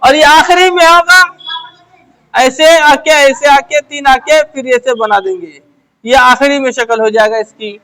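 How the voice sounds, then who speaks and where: High-voiced woman drilling letters. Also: measured pace, a bit bright. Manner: asks questions and answers them herself, repeating phrases. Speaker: Urdu teacher. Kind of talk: letter-by-letter script lesson.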